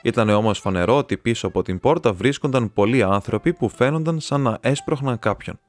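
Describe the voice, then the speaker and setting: A Greek man narrating a classic novel as an audiobook reader, steady and even. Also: mid-range voice, faint music behind. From Greece. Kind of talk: scripted narration.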